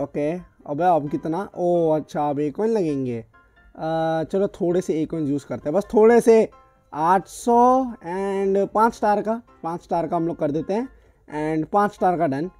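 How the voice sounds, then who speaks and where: A man hosting a gaming channel, giving excitable live gameplay commentary full of trash talk and banter. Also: high-pitched, dry recording. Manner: excitable, trash-talking banter in Hindi-English mix.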